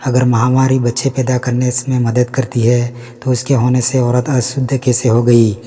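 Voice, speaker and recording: A man voicing a calm, educated young daughter-in-law in a storybook reading, polite and reasoning in a level way. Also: mid-range voice, normal speed, breathy edge, big-room sound, lightly acted.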